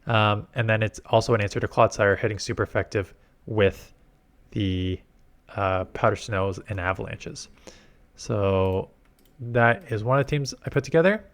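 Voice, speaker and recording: A man's voice: on the low side, normal speed. Rambling male gaming commentator. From Canada. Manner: rambling, self-correcting, explanatory. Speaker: gaming YouTuber. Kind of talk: casual commentary on game strategy.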